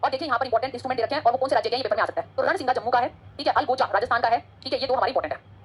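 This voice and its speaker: Fast-talking husky woman teacher. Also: a little high. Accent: Hindi-English code-switching. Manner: fast, chatty, switches between Hindi and English. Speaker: exam prep teacher. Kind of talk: online exam-prep lecture.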